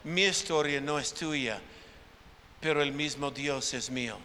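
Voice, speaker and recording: High-voiced preacher in a reverberant hall. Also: male voice, unhurried, sharp tone, a little hiss or hum. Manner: preaching with emphatic repetition and acted-out dialogue. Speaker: pastor. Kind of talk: sermon. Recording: long church hall reverb.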